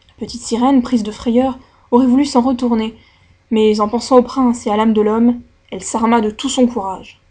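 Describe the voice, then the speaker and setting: A woman reading a fairy tale aloud, steady and expressive as she tells it. Her voice sits a little on the high side. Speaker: storyteller.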